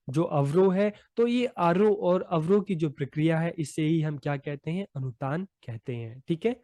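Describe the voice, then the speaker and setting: Clear-voiced male Hindi teacher, patient. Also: fairly high pitch, dark tone, no echo, studio quality. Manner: patient, repeats points with "theek hai". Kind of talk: explanatory lesson.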